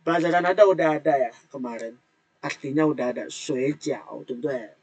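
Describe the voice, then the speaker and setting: A man teaching an online language class, explaining words and tones patiently and repeating them slowly. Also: fairly high pitch, darkish tone. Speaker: Mandarin teacher.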